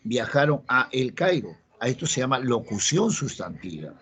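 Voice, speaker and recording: A Peruvian male teacher in a classroom explains a grammar lesson step by step, asking the class checking questions. His medium-pitched, fairly bright voice swings widely in pitch at a normal speed.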